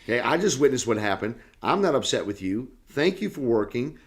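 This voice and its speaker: A man's voice: medium pitch, very animated, brisk. A man who is a senior pastor, talking earnestly and casually in a devotional chat. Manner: earnest, lesson-drawing talk.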